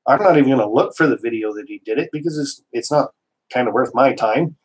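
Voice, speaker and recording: A man's voice: medium pitch, fast talker, breathy edge, poor audio. A man hosting a casual live stream, worked up and emphatic, rambling with restarts and mild swearing, from Canada.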